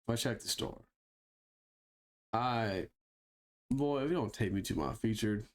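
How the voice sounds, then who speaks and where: A man's voice: on the low side, measured pace. A man streaming a game live, chatting casually to himself and viewers, with sarcastic asides and plenty of swearing. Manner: talks to himself while browsing and fiddling. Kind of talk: casual live gameplay commentary.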